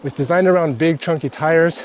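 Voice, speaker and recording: A man's voice: a little high, moderate pace, slight background noise. A man hosting an interview outdoors while riding a bike, upbeat and chatty. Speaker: host.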